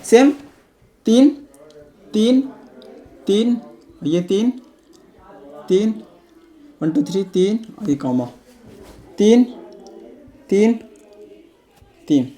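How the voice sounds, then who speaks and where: A woman teaching a maths lesson step by step. She keeps checking whether students follow. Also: fairly high pitch. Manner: explains step by step, often checks with "clear?". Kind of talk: classroom-style math lesson.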